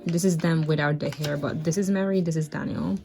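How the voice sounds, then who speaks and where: A woman with a low, warm, creaky voice talks through her old comic in a casual art commentary voice-over. She speaks a little fast in a steady tone, rambling and poking fun at herself, and says "like" a lot.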